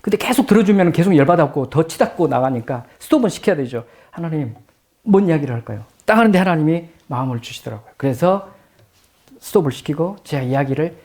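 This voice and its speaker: A middle-aged man preaching a sermon as a pastor, telling stories and acting out the people in them, moving from hushed lines to loud exclaiming. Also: fairly high pitch, quick pace. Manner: lively, acts out dialogue, swings from hushed to loud exclaiming. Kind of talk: sermon with told anecdotes.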